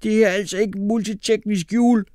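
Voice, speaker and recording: Shrill, yelling boy, put on by a male reader. Dry booth. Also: fairly even intonation, no room sound, close to an everyday voice. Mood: sulky. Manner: shrieking, then sulky. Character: panicked shrieking schoolboy.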